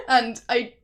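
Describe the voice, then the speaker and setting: A young Austrian woman with an Austrian German accent chats casually with her stream viewers, laughing often. She's chatty and responds to guesses from the chat.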